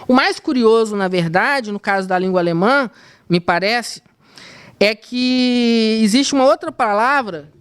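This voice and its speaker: A woman with a Brazilian Portuguese accent presenting an academic conference paper, reading in a measured way with hesitant asides. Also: a little high, animated, smooth. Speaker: university historian presenting a paper.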